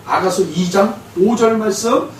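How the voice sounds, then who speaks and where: A man preaching a sermon, moving between loud, drawn-out calls and soft asides to the congregation. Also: sits high, slight background noise. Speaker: pastor. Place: church sanctuary. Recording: very echoey, distant church recording.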